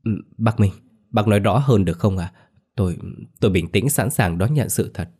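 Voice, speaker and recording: A man's voice: on the low side, animated, normal speed, mellow, breathy edge. A man voicing a grieving middle-aged mother who pleads and wails for her lost son. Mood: pleading. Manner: wailing, pleading.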